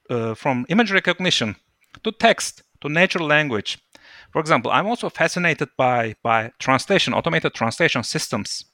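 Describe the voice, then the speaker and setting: A man taking part as a guest in a casual discussion, explaining his points thoughtfully with lively emphasis. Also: on the high side, dry recording, clean studio sound.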